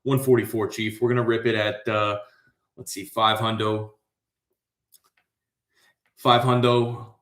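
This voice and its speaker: A man's voice: lowish voice, little pitch movement, a little slow, long pauses, fairly bright tone. A man with an American accent, from Central Florida, hosting a casual livestream trivia show in a slangy, hyped, rambling way. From Central Florida, USA. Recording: echoey room.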